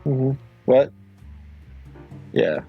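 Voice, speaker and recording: A man hosting a livestream, chatting casually with viewers in a halting, apologetic, rambling way. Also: mid-range voice, animated, vocal fry, breathy edge, highs cut off, faint music behind. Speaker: livestream host.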